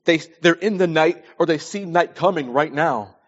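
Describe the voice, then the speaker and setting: This sermon, with its scripture readings and plain advice, comes from a man in his early forties whose voice is on the high side and a bit bright. He talks at normal speed, emphatic and repeating phrases for emphasis, captured in dull lo-fi sound.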